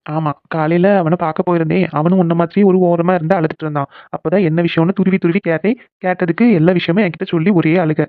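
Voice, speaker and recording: Voice actor playing a young cartoon friend, caring, coaxing, scolding, quick delivery, tinny phone-like sound. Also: medium pitch, steady tone, no room sound, close to an everyday voice. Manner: coaxing, bossy, gently scolding. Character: caring young man, teasing best friend. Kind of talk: cartoon voice acting.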